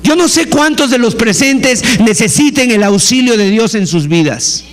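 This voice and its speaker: A Mexican preacher with a strikingly high voice delivers a fervent sermon. He keeps asking his listeners questions and acts out pleas to God as he goes. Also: animated, unhurried.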